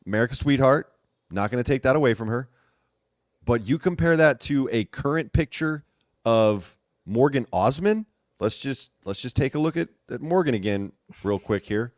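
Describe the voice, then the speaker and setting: A man hosting a casual gossip commentary chat, talking in an animated, teasing way with emphatic repetition. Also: mid-range voice, moderate pace, no room sound, clean studio sound. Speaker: host.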